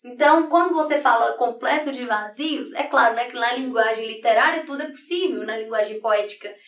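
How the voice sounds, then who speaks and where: A woman with a slightly high voice teaches figures of speech fairly quickly in an online exam-prep lesson, constantly checking in with "né?". Working at a board in a room, she is captured by a distant mic that leaves an echoey sound.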